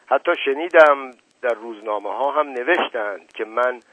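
A man's voice: mid-range voice, dry recording, close to an everyday voice. A man reading the part of a proud, pompous old former officer telling boastful stories, on a dry, tinny lo-fi radio recording. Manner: boastful, indignant storytelling.

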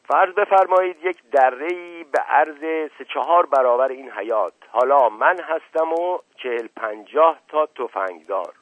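A man reading aloud, voicing a pompous, hot-tempered older uncle who boasts of old battles and shouts down interruptions. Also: mid-range voice, hardly any pauses, no room sound, voice pushed up, close to an everyday voice. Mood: boastful. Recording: dry, narrow phone-like sound.

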